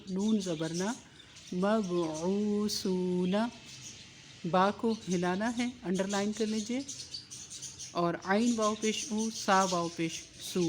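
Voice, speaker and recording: A woman teaching a Quran reading lesson, spelling words out syllable by syllable and drawing them out slowly, then explaining quickly. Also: mid-range voice, a little hiss or hum. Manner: slow drawn-out syllables when modeling words, quicker when explaining.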